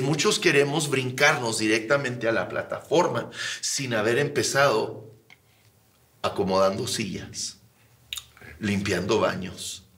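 Bright-voiced pastor preaching conversationally, a man. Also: fairly low pitch. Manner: animated, shouts out military commands and acts out quotes.

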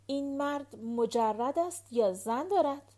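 A woman reading aloud gives voice to a patient young woman who asks soft, coaxing questions in a storybook tale. Her voice sits a little high. It stays close to the reader's own. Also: expressive. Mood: gentle probing. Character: patient young woman, gentle older sister.

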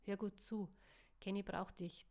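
A woman voicing a young man who comes back as a ghost and speaks quietly and insistently. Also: mid-range voice, steady tone, unhurried, natural voice. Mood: urgent. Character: young man, ghostly visitor, urgent and pleading.

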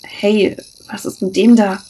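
A woman's voice: medium pitch, flat delivery, takes it slowly, mellow, breathy edge. A woman doing a teasing, mischievous young woman. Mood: sweetened. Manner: dry, mocking banter.

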